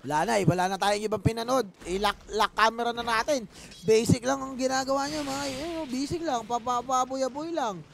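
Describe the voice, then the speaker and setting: A young man with a Filipino accent giving excited, joking live game commentary, mixing in English phrases. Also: extremely high pitch, fairly quick, creaky, a little hiss or hum. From Philippines. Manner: joking, playful, mixes English phrases, bursts into excited yells. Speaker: esports commentator.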